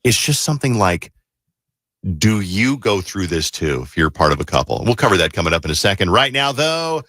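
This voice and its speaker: A man's voice: low-pitched, big pitch swings, a little fast, fairly bright tone, no room sound, clean studio sound. A middle-aged man hosting a morning radio show, chatty and playful. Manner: playful, bursts into silly singing.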